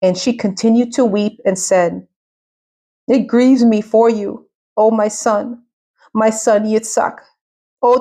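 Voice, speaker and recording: A woman reading the slow, mournful lament of a devout, grieving elderly mother. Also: medium pitch, warm tone, lightly acted.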